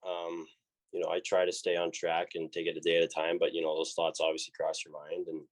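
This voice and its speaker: Low-pitched, a little fast and totally flat, this young Canadian-accented man plays college hockey. He takes interview questions casually, with plenty of fillers and false starts.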